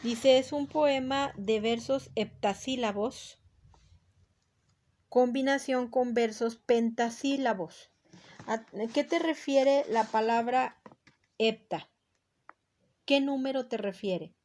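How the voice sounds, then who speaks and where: A woman with a Mexican accent teaching a lesson, explaining a poetry worksheet slowly and patiently, repeating words and counting syllables aloud. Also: fairly high pitch, darkish tone.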